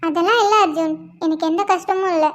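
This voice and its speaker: A woman voicing Nila, a gentle, forgiving young wife and new mother in a cartoon, speaking softly and cheerfully. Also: extremely high pitch, steady tone, a little fast. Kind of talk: cartoon voice acting.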